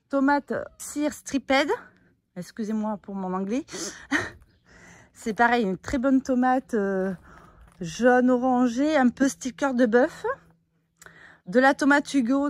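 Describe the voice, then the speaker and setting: A woman with a slightly high voice walks through her vegetable garden, explaining each bed in a casual, chatty way full of little fillers. The sound is dry and close, recorded outdoors. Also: no room sound. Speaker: gardening vlogger.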